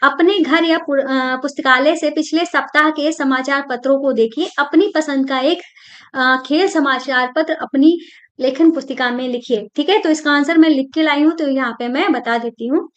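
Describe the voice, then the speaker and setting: A young woman with a high voice teaches a school lesson, going through the textbook step by step. She explains patiently and repeats her points, with frequent "theek hai" checks. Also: moderate pace, muffled recording.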